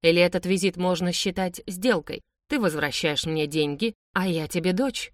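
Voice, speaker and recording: A woman's voice: on the low side, normal speed, no room sound, far from the mic, lightly acted. A woman doing a cold, sarcastic boss man. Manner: dry, sarcastic, commanding.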